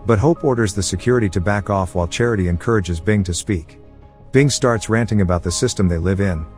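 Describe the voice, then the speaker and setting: A man narrating a movie recap in an even, measured storytelling voice. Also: low-pitched. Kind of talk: scripted narration.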